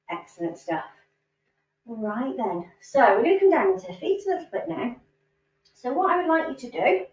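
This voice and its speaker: Chirpy woman exercise instructor, higher voice, a bit far off in an echoey room, kinda dull sound. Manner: upbeat, encouraging, counting reps. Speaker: fitness instructor. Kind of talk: guided exercise class. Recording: roomy, distant, dull sound.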